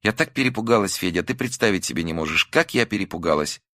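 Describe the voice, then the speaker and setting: A man voicing a middle-aged mother who speaks softly and falteringly, shaken but relieved and tender toward her son. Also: low-pitched, expressive, fast talker, dry recording, studio quality, voice pushed up. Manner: soft, faltering. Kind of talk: audiobook dialogue.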